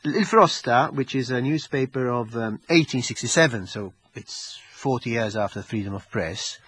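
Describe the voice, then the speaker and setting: A man's voice: medium pitch, animated, normal speed, a bit bright, a little hiss or hum. A man with a Maltese accent speaking as an interviewed researcher in a scholarly discussion, often repeating and rephrasing his words as he goes.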